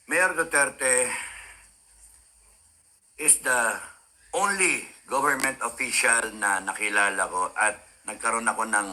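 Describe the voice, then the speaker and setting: A man's voice: lowish voice, bright, forceful tone. A man ranting in a heated monologue, swearing and rambling with many fillers, like a radio commentator.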